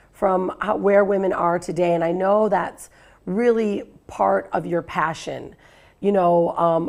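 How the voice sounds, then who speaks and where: A woman's voice: on the low side, vocal fry, darkish tone. A middle-aged woman hosting an interview, asking questions in an enthusiastic, affirming way. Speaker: host. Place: studio set with armchair.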